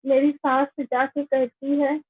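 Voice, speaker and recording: A woman tells her own life story in a high, unhurried voice, in an earnest and plain way. The sound is tinny and phone-like, with a dry, close feel. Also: little pitch movement, dry recording. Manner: slow, earnest, plain recounting. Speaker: network marketing member giving a testimonial. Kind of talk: personal life-story testimony.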